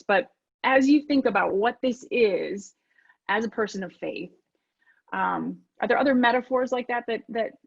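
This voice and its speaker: A woman moderating a town hall discussion, posing questions in a measured way with many fillers. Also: medium pitch, highs cut off. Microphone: video call.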